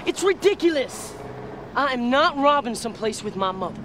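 A young actor playing an exasperated, sensible teenage son who is quick to object. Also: male voice, very high-pitched, sing-song, noisy background.

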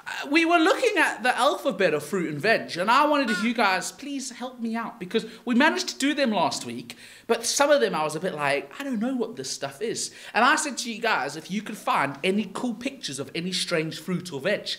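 A man's voice: high-pitched, sing-song, a little fast, few pauses, sharp tone. A man, a children's pastor, cracking goofy puns and rambling through fruit and veg jokes on a kids' church show. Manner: goofy, pun-loving, rambling.

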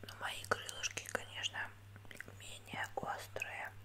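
Whispering woman, mouth partly full. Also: unhurried. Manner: soft unvoiced whisper throughout. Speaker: mukbang vlogger. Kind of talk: whispered ASMR eating vlog.

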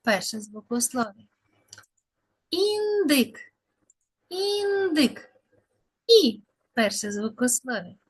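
A woman speech therapist talks small children through a lesson, stretching out each word in a slow, sing-song way. Her voice sits high and a little breathy. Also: very animated.

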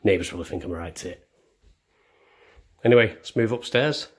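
A young vlogger with a fairly low voice narrates a casual house tour, walking indoors from room to room as he films on a handheld phone. His delivery is brisk and chatty, sprinkled with self-deprecating jokes.

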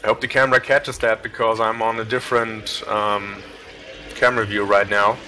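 Bright-voiced male race co-commentator. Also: on the low side, little pitch movement, normal speed, slight background noise. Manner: rambling play-by-play, jokey asides.

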